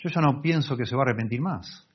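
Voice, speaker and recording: A man voicing a weary wife who pleads with her pastor about a drunken husband, in a raised, husky voice on a slightly muffled recording. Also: a bass voice, quick pace. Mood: pleading, exasperated. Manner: pleading, exasperated.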